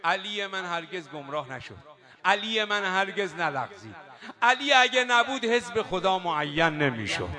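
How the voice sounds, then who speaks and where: A male preacher giving a religious sermon, moving between slow, drawn-out shouted chanting and quiet, hushed storytelling. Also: high voice, sing-song. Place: religious hall at a night gathering.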